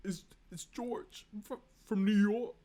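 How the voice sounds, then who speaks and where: A man's voice: sits high, fairly even intonation, takes it slowly, dark tone, voice pushed up. A man putting on a brash fake New Yorker. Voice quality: exaggerated bad fake New York accent. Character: brash loud male New Yorker caricature.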